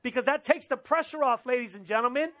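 A man in his thirties preaching on a church stage, speaking through a headset mic. His voice sits very high and sounds bright and forceful. He preaches with animated gestures and quick quoted asides. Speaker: pastor. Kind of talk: sermon. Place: church stage with drum kit behind, indoors.

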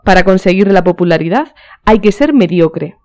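A woman's voice: on the low side, animated, normal speed, darkish tone, lightly acted. Lord Henry, a woman reading as a cynical aristocrat. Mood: worldly, cynical. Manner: epigrammatic, lecturing. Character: witty cynical male aristocrat.

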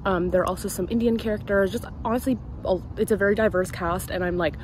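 A woman's voice: medium pitch, steady tone, fast talker, a little mellow, rough recording. A young woman in her twenties chatting upbeat and casually to her camera as a book vlogger, full of filler words. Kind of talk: casual vlog chat. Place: outdoors on city streets and in shops. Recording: street noise behind the voice.

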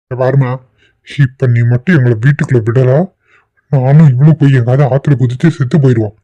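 In cartoon voice acting, a man in his twenties plays a hot-headed 25-year-old young husband defiantly and insistently arguing with his mother. His mid-range voice is steady, dark and brisk, lightly acted, in a dry recording with the highs cut off.

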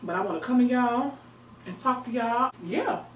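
A woman's voice: a little high, expressive, normal speed, a little hiss or hum. A young woman chatting expressively as she eats on camera in her home recording room, mixing talk with murmured eating sounds. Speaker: mukbang vlogger. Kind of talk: casual eating vlog chat. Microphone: camera mic at a distance. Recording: echoey room, heard from far off.

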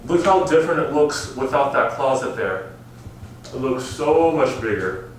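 A man's voice: mid-range voice, expressive, measured pace, roomy sound, a little hiss or hum, low-quality recording. A young man casually walking viewers through a house renovation, chatty and upbeat with frequent fillers, filmed on a handheld camera. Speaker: home renovation vlogger. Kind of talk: casual walkthrough vlog. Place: house under renovation and its yard, indoors and outdoors. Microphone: handheld camera held at arm's length.

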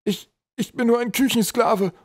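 A man voicing a terrified, whimpering male pack troll who pleads in a high, trembling voice. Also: fairly even intonation, a little fast, a little mellow. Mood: pleading.

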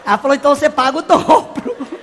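A man's voice: very high voice, quick pace, fairly bright tone, long reverb tail. A male comedian on a live stage playing a brash, dramatic middle-aged woman, telling a story in a gossipy way with shrieks. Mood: gossiping. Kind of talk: live stand-up character monologue.

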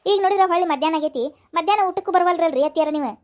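A dutiful young cartoon daughter-in-law, voiced by a woman, chatters and pleads with a North Karnataka accent. Her voice is very high and quick. Her manner stays fussing and earnest. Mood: chatty pleading. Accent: North Karnataka Kannada.

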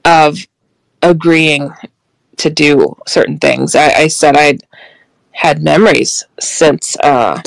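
A woman guest telling paranormal stories in an animated way, acting out the dialogue she quotes. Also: deep voice, vocal fry, no echo, poor audio. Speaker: paranormal researcher and author, guest. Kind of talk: candid storytelling interview.

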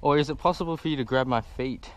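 A man's voice: medium pitch, fast, a little hiss or hum. A young man giving casual running commentary while climbing through ruins, wearing a head camera outdoors. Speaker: vlogger exploring ruins. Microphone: head-mounted action camera.

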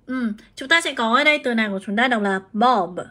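A woman's voice: a little high, fast talker, pushed and bright. A woman English teacher from Vietnam, giving a chatty live-streamed exam prep lesson and explaining each answer step by step.

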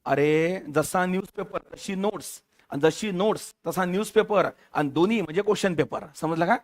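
A man's voice: sits high, normal speed. A male teacher giving a lecture for competitive exams, firing questions at his students and mixing English terms into his talk.

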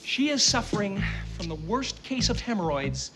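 A man's voice: high voice, big pitch swings, normal speed. A man playing a smug, flamboyant film detective, speaking like a pompous senator in mock-formal, theatrical oratory over a film soundtrack. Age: 30s. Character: flamboyant wisecracking male detective, smug and showboating. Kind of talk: theatrical comedic film acting. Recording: film soundtrack with music underneath.

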